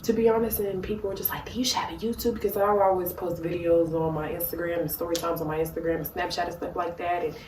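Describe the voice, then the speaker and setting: A woman's voice: on the low side, steady tone, fast, few pauses. Tipsy, goofy woman chatting in an echoey room. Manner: tipsy, goofy, rambling, with giggles. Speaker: YouTuber answering viewer questions. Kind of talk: casual chatty Q&A. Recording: roomy echo, distant mic, faint noise.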